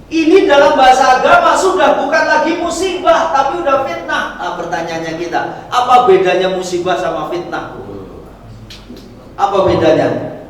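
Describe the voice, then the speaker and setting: In a mosque prayer hall, a man with a very high voice gives a dawn sermon at normal speed, explaining terms and posing questions to the congregation. His tone is a bit bright, and the echoey recording, made from far off, carries a little hiss or hum.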